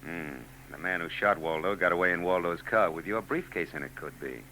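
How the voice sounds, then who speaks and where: An actor with a low-pitched, sharp voice speaks fairly quickly as the hard-boiled private eye narrating and leading a 1940s radio drama, trading dry, sardonic wisecracks. The recording is rough, an old radio broadcast tape with faint noise.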